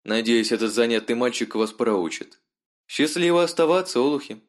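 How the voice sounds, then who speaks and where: A man's voice: medium pitch, expressive, moderate pace, pitched above the performer's own voice, close to an everyday voice. A man voicing a sly, mocking noblewoman who talks down to her caller.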